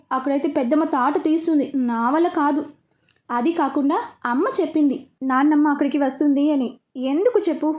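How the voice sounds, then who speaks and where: A woman's voice: high-pitched, mellow. A woman reading a serialized romance story aloud, narrating and speaking the characters' lines in her own voice.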